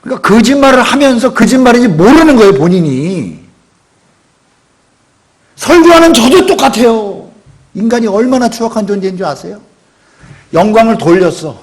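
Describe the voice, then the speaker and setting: A middle-aged man preaching a sermon as pastor, talking conversationally and acting out quotes with sudden loud outbursts. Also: sits high, sing-song, moderate pace, long pauses. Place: church sanctuary.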